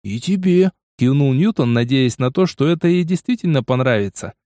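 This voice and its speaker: A man narrating an audiobook in a steady, lively storytelling manner. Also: medium pitch, fairly quick, dry recording, clean studio sound.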